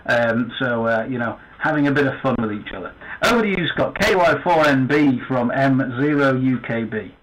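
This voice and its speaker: A man's voice: mid-range voice, animated, moderate pace, hardly any pauses, fairly bright tone, a little hiss or hum, rough recording. A man with a northern English accent, guest-hosting an amateur radio net in a chatty, joking way with lots of fillers and restarts. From northern England. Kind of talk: casual amateur radio chat.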